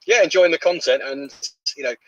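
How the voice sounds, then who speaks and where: A man giving his views as a podcast guest, casual and a little halting. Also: a little high, fairly bright tone, dry recording, muffled recording. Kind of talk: casual strategy talk.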